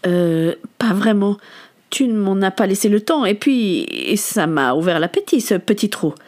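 A woman voicing a grumpy young male ship's apprentice in an audiobook story, in a lowered, sulky voice. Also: expressive, unhurried, darkish tone, close to an everyday voice. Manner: low, dry, sulky.

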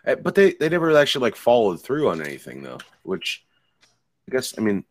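A man's voice: medium pitch, wildly swooping pitch, fairly quick. A man in his thirties co-hosting a casual podcast, rambling and swearing as he tells stories. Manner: rambling, profane, laid-back storytelling. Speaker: podcast co-host. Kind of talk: casual chat.

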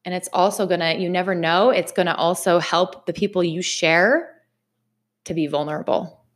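A woman giving a casual motivational talk to her viewers, chatty and animated, repeating phrases for emphasis. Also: fairly low pitch, normal speed. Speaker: vlogger.

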